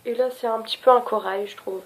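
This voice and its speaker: A woman's voice: a little high, steady tone, quick pace, vocal fry. Chatty French beauty vlogger woman. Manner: chatty, scattered, self-mocking. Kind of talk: casual product review.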